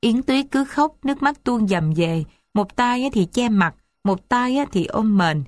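A woman's voice: on the high side, animated, a little slow, a little mellow, dry recording. Brief: female audiobook reader, dry close sound. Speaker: narrator. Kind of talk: audiobook narration of an old novel.

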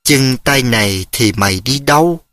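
A man's voice: medium pitch, animated, normal speed, a bit bright, dry recording, clean studio sound, close to an everyday voice. Man reading a tearful old village mother, worried, ringing tone, storybook. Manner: tearful, pleading.

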